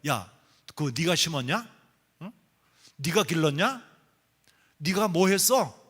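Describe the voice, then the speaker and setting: A stern male God figure presses with blunt, informal questions, as a preacher puts him on. The voice is high and bright. It is delivered as a retelling inside a sermon. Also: expressive, slow pace, slightly rough, full character voice. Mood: challenging.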